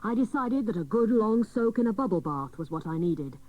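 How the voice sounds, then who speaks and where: An actress plays a dotty female private detective narrating a comic radio play, spoofing hard-boiled crime fiction. Her mid-pitched, natural voice is deadpan and mock-dramatic at a moderate pace, and the recording quality is low.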